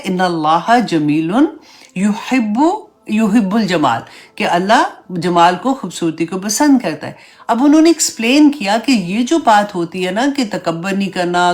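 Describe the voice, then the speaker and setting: A woman teaching an online Islamic class in a conversational way. She often drops English words into her Urdu and checks in with her listeners. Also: fairly low pitch. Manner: checks in with listeners, "right?", "hai na?". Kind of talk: online religious class lecture.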